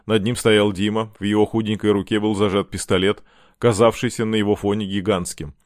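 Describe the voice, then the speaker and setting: A man reading a novel aloud as audiobook narrator, measured and dramatic. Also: fairly low pitch, level tone, a little mellow, no room sound, clean studio sound. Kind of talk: scripted narration.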